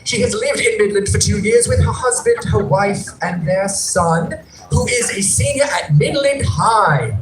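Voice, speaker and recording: A woman's voice: mid-range voice, expressive, echoey room, over music, rough recording. A woman emceeing an outdoor rally in a put-on British accent, joking playfully as she introduces a speaker. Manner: quick, playful, self-mocking asides.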